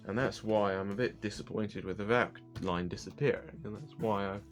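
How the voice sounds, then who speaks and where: A man casually reviewing puzzle cubes, rambling and correcting himself as he thinks aloud over background music. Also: fairly low pitch. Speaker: cube reviewer.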